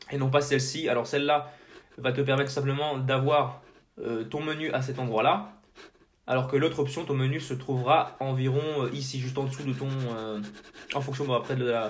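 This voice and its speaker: A man hosts a screen-recorded tutorial in a casual, direct way, talking to the viewer as a friend. He talks at a middling pitch. He pads his steps with small fillers and restarts. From French-speaking. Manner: casual, addresses the viewer as tu, many fillers like donc and euh. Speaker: tutorial host.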